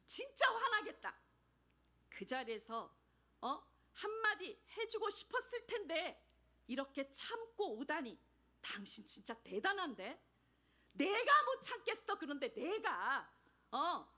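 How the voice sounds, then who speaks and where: A woman's voice: sits high, sing-song, takes it slowly, bright, forceful tone, full character voice. A woman preacher acting out a sympathetic husband who gets outraged on his wife's behalf. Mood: indignant. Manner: outraged, emphatic.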